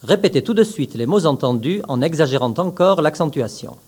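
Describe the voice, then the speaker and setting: A man teaching pronunciation in a recorded lesson, saying each word slowly and with clear, stressed syllables. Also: fairly high pitch, animated, a little mellow. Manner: slow, carefully articulated, stresses syllables. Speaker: language teacher.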